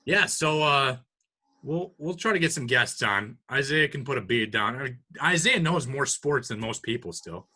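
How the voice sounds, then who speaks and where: A man's voice: mid-range voice, lively intonation, normal speed, bright, forceful tone. A young man hosting a casual podcast, running a trivia game, teasing his co-hosts and laughing often. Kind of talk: casual chat.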